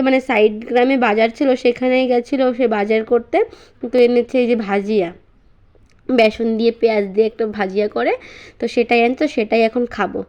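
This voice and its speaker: A woman's voice: a little high, a little mellow, muffled recording. A young woman, a mother chatting casually to her vlog viewers at home with lots of fillers. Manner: chatty, many fillers, baby talk to her child.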